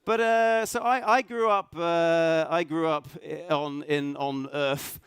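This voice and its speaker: A middle-aged man, raised in Norway, speaking at a conference, halting and self-deprecating, full of restarts and fillers. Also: fairly high pitch, steady tone, fairly bright tone, clean tone, no echo. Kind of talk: hesitant conference talk. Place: conference hall stage.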